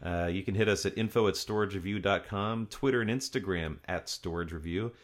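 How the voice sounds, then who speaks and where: A man with a very low voice hosts a casual podcast. He talks conversationally, with some hesitation and a joking streak. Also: a little fast. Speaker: podcast host.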